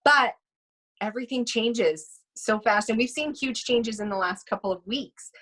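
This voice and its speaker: A woman life coach in a casual chat, talking in a practical, calming way and running through lists of everyday questions. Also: a little high, normal speed.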